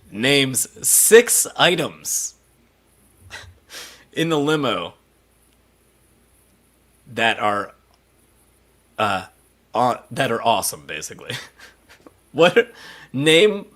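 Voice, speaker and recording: A man's voice: medium pitch, very animated, drawn-out words, long pauses, fairly bright tone. A man hosting a casual live podcast watch party and running trivia, laughing often as he talks.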